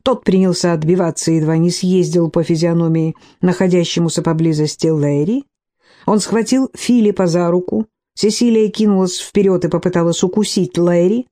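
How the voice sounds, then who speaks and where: Warm low-voiced woman audiobook reader. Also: normal speed. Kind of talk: scripted audiobook narration.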